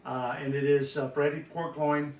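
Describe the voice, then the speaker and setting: A middle-aged man with an Austrian accent, a chef walking through a cooking demonstration in a relaxed, instructive way with many "uh" fillers. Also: a little high, a little slow. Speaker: guest chef. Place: home kitchen. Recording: echoey kitchen from far off, faint hiss.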